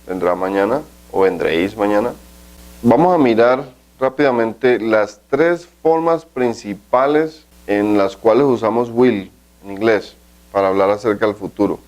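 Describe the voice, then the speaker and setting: A man giving an English grammar lesson, explaining step by step and saying the English example sentences slowly and carefully. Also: lowish voice, a little mellow, rough recording. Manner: slow, deliberate pronunciation of English examples; explanatory, with frequent "¿cierto?" checks. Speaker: English teacher. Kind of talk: recorded language lesson.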